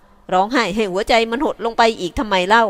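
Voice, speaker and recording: A gruff, blunt drover man, voiced by a woman in an audiobook. His lines come out loud and brusque, in a scolding tone. His pitch sits a little higher than the narration. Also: takes it slowly, big-room sound, lightly acted.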